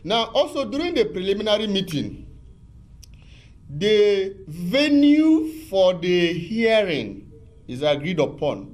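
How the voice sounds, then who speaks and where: A man with a voice pitched slightly above the usual male range talks through legal procedure on a television program. He lectures patiently, circling back over his points and filling pauses with hesitations. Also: a little mellow. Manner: patient, repetitive, lecturing with many fillers. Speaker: legal expert guest. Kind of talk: explanatory TV talk on law.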